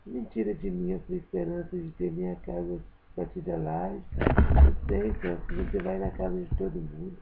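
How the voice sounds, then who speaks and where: A woman's voice: lowish voice, fairly even intonation, a little fast, gravelly. A middle-aged woman with a Minas Gerais Brazilian accent, recording an emotional plea at home and repeating her phrases. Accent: Minas Gerais Brazilian Portuguese. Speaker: video appeal maker. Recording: tinny lo-fi home recording with faint noise.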